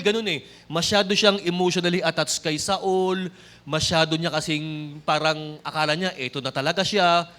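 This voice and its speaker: A man with a Filipino accent preaches with animated energy, mixing Tagalog and English as he speaks straight to the congregation. His voice sits high for a man and has a bright, forceful edge. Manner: often addresses the congregation directly. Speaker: pastor. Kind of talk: sermon.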